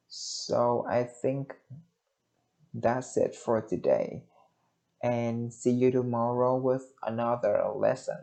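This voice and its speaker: A young man from Vietnam speaking English with a Vietnamese accent, halting with many fillers and restarts as he vlogs his study progress. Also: medium pitch, gravelly, warm tone. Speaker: English learner vlogging daily progress. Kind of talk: casual self-recorded vlog and video call lesson.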